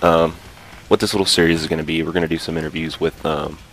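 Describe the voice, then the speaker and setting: A man's voice: a bass voice, little pitch movement, quick pace, soft background music. A man hosting a casual interview, talking in a loose, filler-heavy way. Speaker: host.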